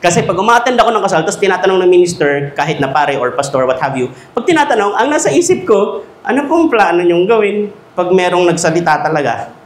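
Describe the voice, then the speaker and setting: A man giving a humorous, animated talk to teachers in a school hall. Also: high-pitched, fast. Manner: animated, joking, acts out quoted voices. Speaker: speaker at a teachers' seminar. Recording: echoey hall.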